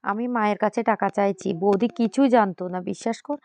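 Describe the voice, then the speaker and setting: A woman's voice: medium pitch, quick pace, a little mellow, no echo, lightly acted. A young daughter who pleads earnestly with her family, as a woman narrator voices her. The sound is dry and close. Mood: pleading.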